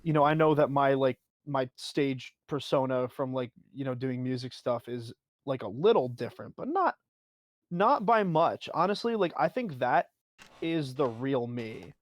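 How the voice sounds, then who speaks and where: A man's voice: mid-range voice, animated, a little slow, no echo, studio quality. A man giving casual advice on a livestream, phrasing hesitantly in short bursts full of filler words. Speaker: livestream guest with a music performance background.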